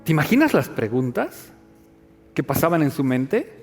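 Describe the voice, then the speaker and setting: A male pastor preaching a sermon, moving between hushed, searching questions and loud, emphatic passages. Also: fairly high pitch, big pitch swings, moderate pace, big-room sound, faint music behind.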